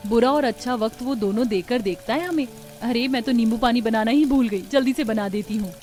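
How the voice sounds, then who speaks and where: A woman voicing a patient, gentle poor young daughter-in-law in a cartoon story, speaking calmly and politely. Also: fairly high pitch, fairly quick, close to an everyday voice.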